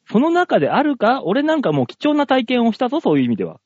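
Man in his forties, blustery and teasing, high lively voice, podcast co-host on a dull online call. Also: quick pace, no echo. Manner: gruff teasing, playful bluster. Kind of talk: casual banter. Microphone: remote call mic.

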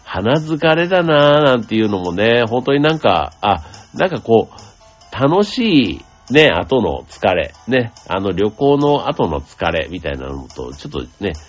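A man hosting a radio show, explaining things in a gentle, chatty way with many asides and fillers. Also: low-pitched, slightly rough, highs cut off. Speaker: radio host. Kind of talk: casual explanatory radio talk.

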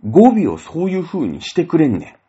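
Male host, hugely animated pitch, husky tone, lo-fi audio. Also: normal speed. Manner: rambling, animated storytelling with many fillers. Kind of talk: casual solo talk. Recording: dull lo-fi audio.

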